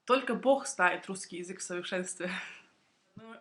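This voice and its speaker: Speaking to camera, this Russian language teacher and video blogger shares a prepared personal story aimed at language learners. She is a young native speaker with a mid-range voice, and her delivery is expressive, careful and clearly articulated.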